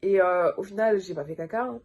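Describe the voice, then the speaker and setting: A young adult woman telling a personal story in a casual storytime vlog, animated and full of filler words. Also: mid-range voice, brisk. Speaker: vlogger.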